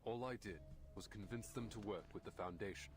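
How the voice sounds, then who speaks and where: A man's voice: on the low side, brisk, natural voice. An actor playing a resolute, stern male military commander in a video game, speaking formally and firmly. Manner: formal, firm, clipped. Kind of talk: dramatic video game voice acting. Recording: game dialogue over music.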